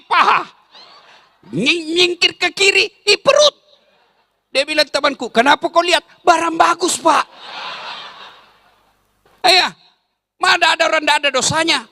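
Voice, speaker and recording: A man's voice: extremely high pitch, bright, forceful tone, no echo, clean studio sound. A man preaching a humorous sermon to a large religious gathering, teasing the crowd and leading it in chanting. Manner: joking, teasing the audience. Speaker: Islamic preacher.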